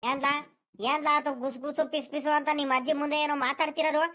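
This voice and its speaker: A grumpy, scolding village grandfather from a cartoon, acted out by a voice performer, with a squeaky, very high voice. He fires off his complaints at a rapid clip in a bright, sharp tone. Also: flat delivery. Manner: rapid scolding rural speech. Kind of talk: animated cartoon voice acting.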